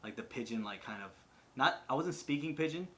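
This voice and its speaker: A man's voice: mid-range voice, lively intonation, a little fast, fairly bright tone, slight background noise. Rambling, swearing male podcast host. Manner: rambling, profane, full of "like". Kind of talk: casual chat.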